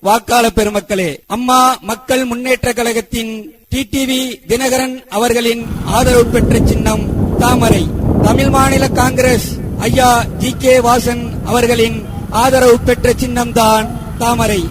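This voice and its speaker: A man's voice: extremely high pitch, little pitch movement, a little slow, over a noisy crowd, rough recording. A man making a formal election campaign announcement, appealing to voters in a declamatory style.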